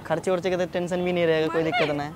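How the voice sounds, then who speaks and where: A man's voice: fairly high pitch, little pitch movement, very fast, background noise. A man hosting a prank video, bantering teasingly in casual talk and repeating himself, recorded outdoors in a public place.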